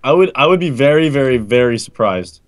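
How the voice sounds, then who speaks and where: A man's voice: medium pitch, expressive, brisk. A young man playing a minigame with a friend, cocky and teasing, breaking into laughter. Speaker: guest player. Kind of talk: casual gaming banter.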